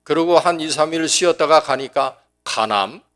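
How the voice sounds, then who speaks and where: A man's voice: medium pitch, expressive, measured pace. A pastor preaching a sermon in a folksy, joking, conversational way, often restarting his sentences. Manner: folksy and joking, acting out dialect quotes.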